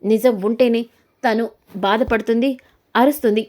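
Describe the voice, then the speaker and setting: A woman's voice: a little high, fairly even intonation, moderate pace, a little mellow, natural voice. A woman voicing a grown son who firmly confronts his father and his daughter. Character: grown son, firm and accusing.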